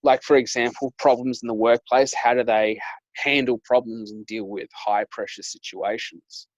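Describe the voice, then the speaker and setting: A man's voice: medium pitch, steady tone, normal speed, no room sound, lo-fi sound. Chatty young man, dry sound. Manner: chatty storyteller, lots of "like" and "um". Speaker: dating coach and host. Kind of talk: casual chat.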